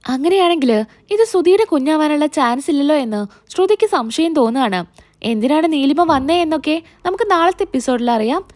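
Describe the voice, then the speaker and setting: A woman narrates a serial episode in an easy, chatty storytelling voice that sits high. She moves plainly through the events and acts out the quoted lines as she goes. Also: expressive, brisk. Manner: retells scenes plainly, acting out quoted lines. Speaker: channel host recapping serial episodes. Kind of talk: casual storytelling recap.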